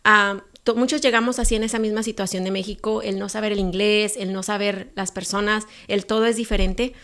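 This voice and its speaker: A young woman from Durango, Mexico, with a Mexican Spanish accent, speaking softly as a guest giving her personal testimony and slipping in English words. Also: mid-range voice, steady tone, fairly quick. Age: young adult. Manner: soft-spoken, mixes in English words. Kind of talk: casual interview, personal testimony.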